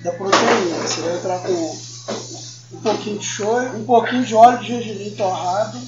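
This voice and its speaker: A middle-aged Brazilian-accented chef with a high voice gives an apprentice casual, slangy, hands-on cooking instruction in a busy indoor restaurant kitchen. The mic is far away, so the sound is echoey, noisy and muffled, with pans and dishes clattering loudly.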